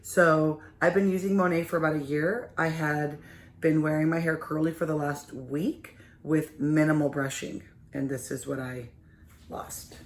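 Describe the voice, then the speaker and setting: A woman's voice: low voice, flat delivery, unhurried. A woman hairdresser with a slight lisp, chatting to viewers through a hair care tutorial at her salon's shampoo bowl. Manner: chatty, addresses viewers as you guys. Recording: roomy echo, faint background noise.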